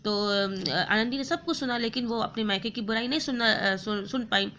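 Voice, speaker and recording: Woman teacher, bright and fairly high, retells a story and keeps pausing to explain words. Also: slight background noise. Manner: stops often to explain words, many fillers and self-corrections.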